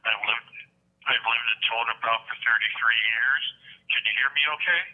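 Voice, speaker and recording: A man's voice: medium pitch, steady tone, normal speed. A middle-aged man calling in on a phone line that sounds like speakerphone. He makes an earnest public comment at a county meeting and builds his argument point by point. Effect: call-in voice over a phone line that sounds like speakerphone.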